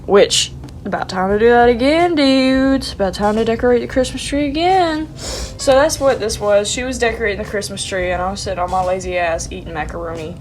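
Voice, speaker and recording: A young woman in her twenties talks casually and playfully in a vlog, full of slang, as she shows off her sketchbook. She sounds congested and sniffly, with a medium-pitched voice and a fairly quick pace. There's slight background noise.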